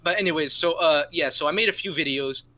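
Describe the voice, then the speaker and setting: Quick-paced and on the high side, the sharp voice belongs to a young man co-hosting a podcast. Chatting casually, he spins out a long, wandering story, swearing frequently and adding "right?" to nearly everything.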